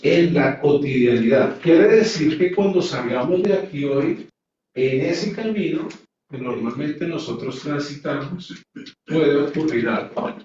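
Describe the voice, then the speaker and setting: A man's voice: on the high side, animated, a little slow, a little mellow, heavy reverb, slight background noise. Man, Bible class teacher, emphatic preaching, rhetorical questions, distant mic, dull muffled sound.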